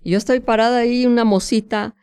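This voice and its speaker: A woman's voice: a little high, steady tone, fast, a little mellow, clear, resonant tone, no room sound, studio quality. A woman, a guest telling a vivid, emotional first-person story full of restarts and fillers. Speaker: interview guest.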